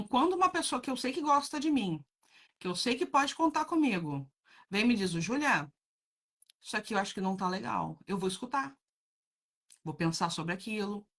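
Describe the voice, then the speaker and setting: A woman chats casually with her viewers in a blunt, direct way and laughs easily. Her voice is bright and sharp, and her pitch swings widely as she talks. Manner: blunt, frank, laughs often, addresses viewers as gente. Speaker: host reading viewer comments. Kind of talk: casual live chat.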